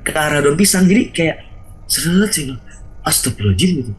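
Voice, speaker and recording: A man hosting a video call, casually telling his own ghost story in an animated way, acting out sounds with big jumps in his voice. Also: a little high, moderate pace, low-quality recording.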